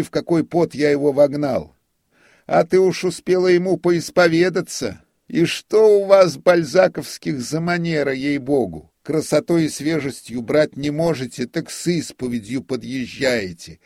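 A man's voice: sits low, a little slow, breathy edge, no echo, studio quality, exaggerated voice. A man playing a pompous, bitter old-school notary. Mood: mocking, loud. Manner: formal, pleading then sneering and shouting. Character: aggrieved middle-aged male notary, pompous and bitter.

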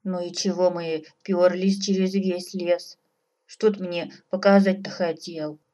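A woman's voice: lowish voice, little pitch movement, unhurried, warm tone, lightly acted. Woman doing a curious cow elk. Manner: curious, questioning. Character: curious naive female elk.

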